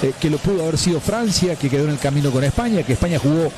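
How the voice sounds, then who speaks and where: Radio guy talking football, steady and emphatic, kinda high voice, noisy background. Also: racing. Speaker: sports radio commentator. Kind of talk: radio sports talk.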